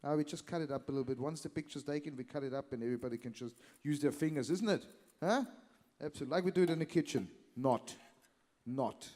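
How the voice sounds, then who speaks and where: Hall reverb surrounds a middle-aged cooking demo host who keeps the live session casual with chatty teasing. He's a fast talker with a mellow, fairly high-pitched voice.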